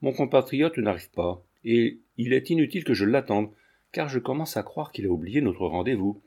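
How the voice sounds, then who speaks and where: A man's voice: medium pitch, lively intonation, vocal fry, warm tone, breathy edge. A man putting on a cool, haughty foreign countess. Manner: cool, measured, dismissive.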